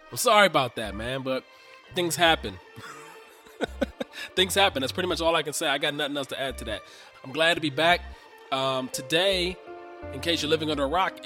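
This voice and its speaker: In a laid-back, chatty, slangy monologue from a home recording booth, a podcast host speaks in a fairly high, bright and forceful voice. He sounds a little nasal and congested from a cold.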